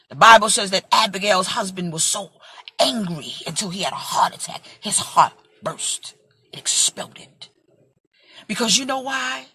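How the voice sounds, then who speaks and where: A woman's voice: medium pitch, sharp tone, breathy edge, no room sound. A woman in her forties from Brooklyn, preaching in an impassioned, emphatic way and acting out voices in a vlog sermon. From Brooklyn, USA. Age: 40s.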